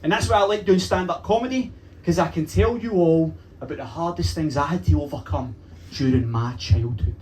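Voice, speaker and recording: A young man with a Glaswegian Scottish accent doing a stand-up comedy set in a club, telling punchy stories with swearing and acting out shouted lines. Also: fairly high pitch, a little fast, poor audio. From Glasgow, Scotland. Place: comedy club with a live audience. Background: audience laughter.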